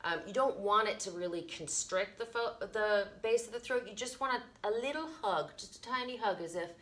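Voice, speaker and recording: A middle-aged woman giving casual yoga instruction as a teacher, explaining informally with soft emphasis and little pauses, recorded in a living room by a camera a few feet away. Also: medium pitch. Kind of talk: casual instructional talk, guided breathing demonstration. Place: carpeted living room, indoors.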